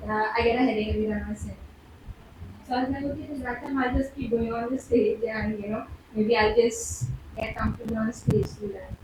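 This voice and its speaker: Nervous high-voiced Indian woman, very echoey stage. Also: fairly even intonation. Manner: nervous, hesitant, halting with repeated false starts. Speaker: open mic performer. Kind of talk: informal rambling talk on stage. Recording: very echoey room, distant mic, background noise.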